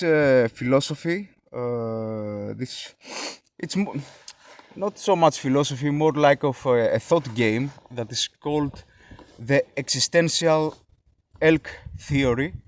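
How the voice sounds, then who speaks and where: Speaking English as a second language, a man from Greece with a medium-pitched voice talks casually through a philosophy idea. His monologue halts often, full of fillers and restarts.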